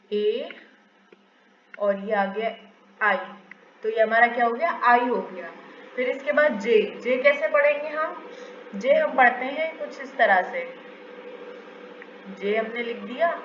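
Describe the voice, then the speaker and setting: A woman's voice: a little high, a little hiss or hum. A woman teaching a pronunciation lesson, asking questions and answering them herself, repeating the key points. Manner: asks and answers her own questions; repeats key phrases for emphasis. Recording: echoey, dull lo-fi room recording.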